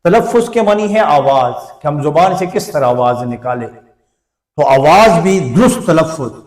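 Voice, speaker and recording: A male teacher with an Urdu accent who explains slowly, repeating words to show their pronunciation in a classroom lesson. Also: on the high side, lively intonation, a little mellow, reverberant, distant mic. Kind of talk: slow blackboard lesson.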